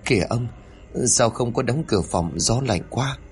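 A man's voice: mid-range voice, expressive, moderate pace, a little hiss or hum, lightly acted. A man voicing a frightened middle-aged wife who questions her husband anxiously in a spoken horror story. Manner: anxious, pleading.

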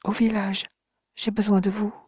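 A reader voicing a very young, ghostly cursed woman who pleads in soft whispers with old-fashioned courtly address. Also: medium pitch, level tone, moderate pace, husky, dry recording, lo-fi sound, voice pushed up, natural voice. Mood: pleading whisper. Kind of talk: audiobook character voice.

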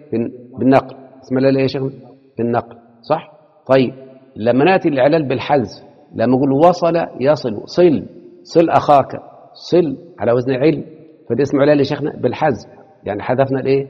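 A man's voice: medium pitch, husky. A man with an Egyptian accent teaching a classroom lecture, quizzing his students with rhetorical questions and mixing formal speech with colloquial asides. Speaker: teacher of Arabic morphology. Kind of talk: classroom lecture explaining a text. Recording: dull, echoey hall.

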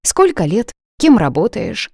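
A woman's voice: medium pitch, wildly swooping pitch, a little mellow, no echo, studio quality, pitched above the performer's own voice, exaggerated voice. A woman reading an audiobook voices an anxious young female friend who talks in an agitated, pleading way. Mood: defensive. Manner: agitated, pleading, quick to panic.

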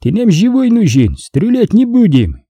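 A man doing a cocky shouting enemy commander. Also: very animated, normal speed, husky, dry recording, exaggerated voice. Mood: jeering. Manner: shouting, raised pitch. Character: cheerful cocky male enemy commander, bossy.

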